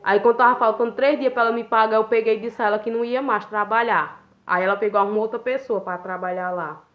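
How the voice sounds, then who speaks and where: A young woman, telling her own life story in a plain-spoken, unhurried way and often checking in with tag questions. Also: a little high, fairly even intonation. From Pernambuco, Brazil. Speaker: vlogger. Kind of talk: casual personal storytelling. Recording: dull lo-fi recording.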